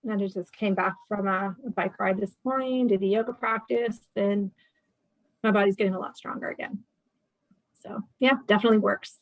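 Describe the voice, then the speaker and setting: A woman's voice: mid-range voice, steady tone, moderate pace, dry recording, rough recording. A woman in her fifties, a guest chatting casually in an interview, talking with many fillers and restarts. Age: 50s.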